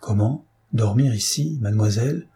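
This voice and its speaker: A man's voice: fairly low pitch, moderate pace, dark tone, breathy edge. A man voicing an anxious old father, pleading and fretful.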